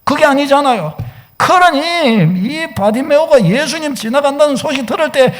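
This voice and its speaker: A man's voice: extremely high pitch, animated, normal speed. A man preaching a Sunday sermon, using emphatic delivery and many rhetorical questions. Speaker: pastor. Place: church sanctuary.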